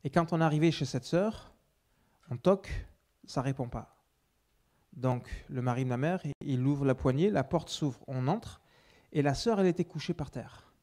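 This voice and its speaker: A man preaching, telling a personal testimony with many restarts, swinging between loud emphasis and hushed asides. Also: a little high, normal speed.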